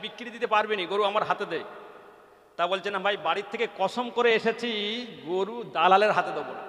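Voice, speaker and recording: A man's voice: high-pitched, pushed and bright. A man with a West Bengal Bengali accent preaching an Islamic sermon, acting out the characters of a rustic folk tale in an emphatic, sing-song way. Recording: large reverberant hall.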